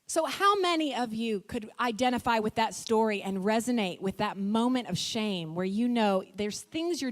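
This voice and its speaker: A woman giving a motivational church talk, emphatic and repetitive, with quick bursts of speech. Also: on the high side. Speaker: motivational speaker. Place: church hall. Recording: long church hall reverb.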